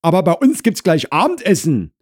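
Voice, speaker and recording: A man puts on a shrill woman in her fifties who is easily put out. Her voice sits high and loud, swooping up in indignant bursts. It sounds dry and close, like a comic audiobook. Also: huge pitch swings, fairly quick, breathy edge, no echo, exaggerated voice.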